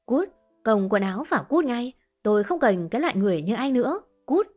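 A woman's voice: mid-range voice, sing-song, normal speed, faint music behind. A woman voicing a spiteful, scornful young wife. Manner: mocking, scornful.

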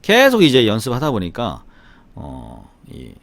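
A man's voice: mid-range voice, huge pitch swings, unhurried, dry recording. A middle-aged man from Gyeongsang with a slight Gyeongsang accent, teaching English grammar in a chatty way and often asking "right?". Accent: slight Gyeongsang Korean, mostly Seoul-like. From Gyeongsang, South Korea. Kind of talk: grammar lesson with repeat-after-me drills.

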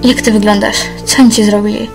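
A woman's voice: medium pitch, flat delivery, quick pace, vocal fry, close to an everyday voice. A woman voicing an old male Doge, pushy and patronizing, in a plain reading voice. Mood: pressing. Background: background music.

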